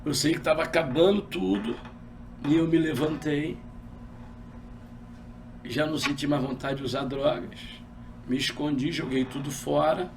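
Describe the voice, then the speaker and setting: Homem carioca de voz rouca e aguda. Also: male voice, on the high side, unhurried, long pauses, far from the mic, a little hiss or hum. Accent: carioca Brazilian Portuguese. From Rio de Janeiro. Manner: animated storyteller, acts out dialogue. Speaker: pastor. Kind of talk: personal testimony in an interview.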